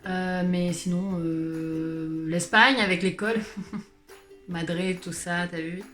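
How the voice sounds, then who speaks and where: A woman's voice: fairly low pitch, fairly even intonation, takes it slowly, fairly bright tone. A woman in her late twenties, born in Switzerland to a Portuguese family, talking casually to camera as a vlogger, colloquial and self-mocking, rambling with sighs and small laughs. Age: late 20s. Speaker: vlogger, channel host. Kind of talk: casual confessional chat to camera. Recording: roomy echo with music underneath.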